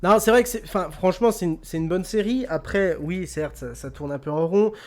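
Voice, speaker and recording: Male host, high-pitched, loose and joking, over soft background music. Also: fairly quick. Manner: joking, laughs often, repeats words. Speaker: host of an online quiz radio show. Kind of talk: casual quiz hosting, chatting with listeners.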